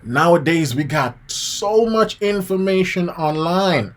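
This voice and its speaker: This man's voice sits high and moves slowly. In his thirties and from Jamaica, he's a piano teacher live-streaming a motivational lesson in a casual, preachy way, addressing viewers as "guys" and "man" and repeating his key ideas.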